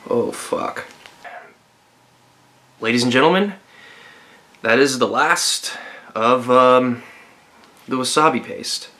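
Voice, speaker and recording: A man's voice: mid-range voice, slow, long pauses, bright, forceful tone, slight background noise. A young man in a casual vlog, reacting with coughs and groans after eating wasabi, filmed in a bedroom. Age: young adult. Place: bedroom indoors. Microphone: camera at about arm's length.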